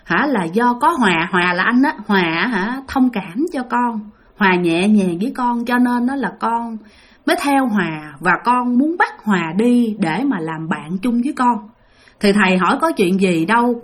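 Animated woman storyteller. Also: medium pitch. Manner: animated, addresses listeners directly. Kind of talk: spoken ghost story telling.

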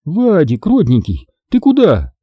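A man's voice: a little high, huge pitch swings, unhurried, husky, no echo, dull audio, voice pushed up, full character voice. A man voicing a doting, wailing older village aunt in an audiobook. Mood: doting fuss.

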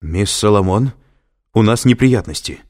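A man's voice: lowish voice, animated, normal speed, darkish tone, slightly rough, voice pushed up. A man reading an audiobook, voicing a nervous male security guard who grows flustered and alarmed.

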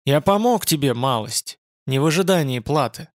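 A man voicing a proud, gruff young loner with a dark reputation, speaking bluntly and dismissively. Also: fairly high pitch, lively intonation, normal speed, dry recording, clean studio sound, natural voice.

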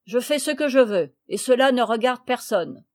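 A woman's voice: a little high, expressive, moderate pace, a little mellow, dry recording, studio quality, close to an everyday voice. A woman reading the part of a rude, surly peasant man. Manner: curt, rude.

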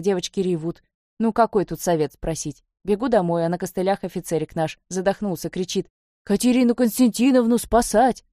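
A woman's voice: lowish voice, dark tone, dry recording, studio quality. A woman reading aloud a first-person story told in folksy, plainspoken narration. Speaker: audiobook reader.

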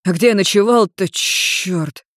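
A woman's voice: medium pitch, measured pace, dry recording, clean studio sound, close to an everyday voice. A woman voicing a carefree, joking male demon who is centuries old, in a storybook reading. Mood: breezy. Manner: breezy, joking, scatterbrained.

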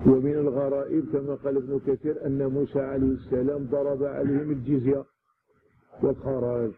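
A man's voice: mid-range voice, gravelly. A man with a Moroccan accent giving a scripture commentary lesson, explaining carefully and repeating key words for emphasis. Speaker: religious teacher. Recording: tinny lo-fi recording with loud noise.

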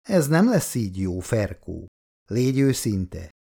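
A man's voice: fairly low pitch, very animated, vocal fry, mellow, husky, full character voice. A man voicing an earnest grown son who speaks firmly but patiently.

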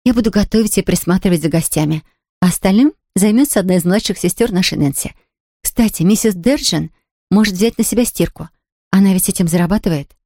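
A woman reading aloud, voicing an eager, chatty young girl who talks in quick exclamations. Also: mid-range voice, warm tone, no room sound, clean studio sound, close to an everyday voice. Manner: breathless, rapid, exclamatory.

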